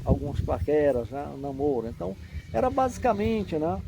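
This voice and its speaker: Over a crowd in the background, a gravelly, high-leaning voice with big pitch swings belongs to a professor in his sixties from northeastern Brazil's backlands. At normal speed and in his local accent, he recounts local life in an interview, explaining and often adding tag questions.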